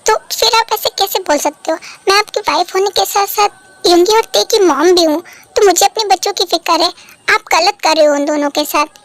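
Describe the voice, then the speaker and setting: A woman's voice: extremely high pitch, normal speed, a bit bright. A woman playing a pleading, worried mother. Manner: pleading, anxious. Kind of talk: Hindi fan dub.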